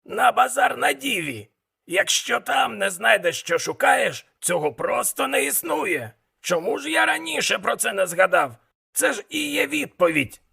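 Guy doing a high raspy scheming devil dealer, lively and wheedling, storybook audio. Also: measured pace, heavily acted. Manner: nervous, wheedling, bargaining. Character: scheming haggling male devil trader.

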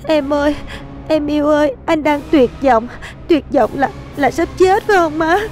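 An actress playing a panicky, stubborn young wife who stammers and whines. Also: female voice, high-pitched, moderate pace, a little mellow, faint music behind, close to an everyday voice.

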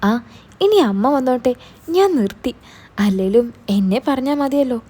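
A woman voicing an adult older sister in a spoken story, a quick-tempered schoolteacher who scolds her little brother but loves him. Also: on the high side, sing-song, warm tone, slightly rough. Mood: exasperated. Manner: scolding, exasperated, then tender.

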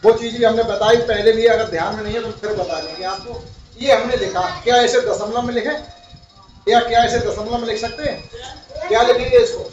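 A man's voice: very high voice, steady tone, fairly quick. A male primary school teacher giving a classroom lesson, asking his pupils questions and repeating their answers. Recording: roomy, far-off, dull, slightly noisy.

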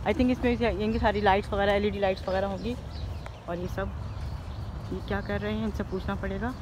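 A cheerful middle-aged woman talks into a handheld phone camera as she walks through an outdoor park, chatting with strangers and her viewers. Her voice sits at a medium pitch, with faint background noise all around her. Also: fairly even intonation, brisk. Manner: chatty, cheerful, switches between English and Hindi. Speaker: vlogger. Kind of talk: casual vlog chat.

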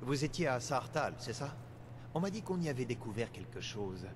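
A man's voice: mid-range voice, big pitch swings, moderate pace, natural voice. A man voicing a condescending elf mage. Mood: cold, condescending. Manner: cold, condescending, formal. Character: haughty, suspicious male elf mage official. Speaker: game character in a French dub. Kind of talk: video game dubbing.

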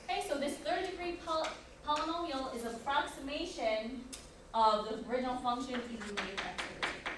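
A woman's voice: high voice, brisk. Woman lecturing in an echoey classroom. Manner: explains step by step, says "okay" often. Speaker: college calculus instructor. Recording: echoey room, distant mic, noise.

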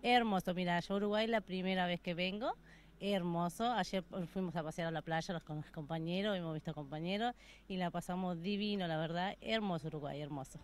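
A woman who juggles with her feet in the circus, talking warmly and effusively. Her voice sits somewhat low. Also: a little fast, a little hiss or hum. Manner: warm, effusive.

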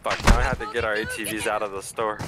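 A man's voice: lowish voice, flat delivery, fast. A man playing a shooter game with friends, giving short reactive callouts to his squad. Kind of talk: casual gaming chat. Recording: loud gunfire and game noise behind. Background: loud game sounds, gunfire, vehicles.

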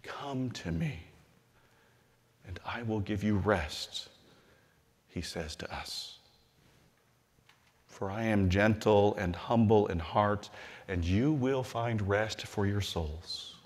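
Earnest bishop preaching in a reverberant hall. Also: male voice, on the low side. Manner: measured and earnest, slowing and softening on scripture. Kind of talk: sermon-style convention address. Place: large hall, at a lectern on a stage.

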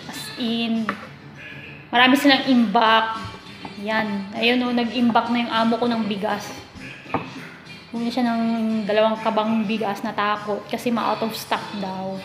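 A woman's voice: fairly high pitch, level tone, unhurried. A woman in her thirties, a worker abroad, chatting to a phone camera in a kitchen and complaining about her job. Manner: chatty, complaining, mixing English into Tagalog. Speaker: vlogger, overseas domestic worker. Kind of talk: casual chat to camera. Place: kitchen, indoors. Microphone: phone camera at arm's length. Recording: echoey kitchen with music behind. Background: background music.

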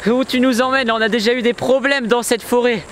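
A man's voice: very high voice, fairly even intonation, brisk, fairly bright tone, roomy sound, a little hiss or hum. A young man acting in a comedy sketch, urgent and exaggeratedly panicked, often repeating his words. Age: young adult. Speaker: family sketch performer. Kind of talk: acted comedy sketch for an online video.

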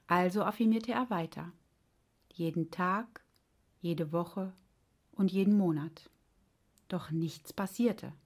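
A woman coach reading a story aloud in a calm, soft way, sometimes dropping to a whisper. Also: fairly low pitch, slow, long pauses. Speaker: life coach. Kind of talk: storytelling narration.

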